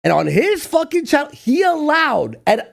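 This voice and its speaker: Gravelly man with a lively, swooping voice. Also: extremely high pitch, normal speed. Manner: interjecting, mocking, profane. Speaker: podcast co-host. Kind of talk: casual commentary.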